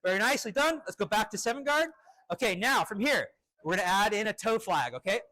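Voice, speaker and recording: A male fencing instructor running a live drill with crisp, short commands and encouraging words. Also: sits high, expressive, quick pace, sharp tone.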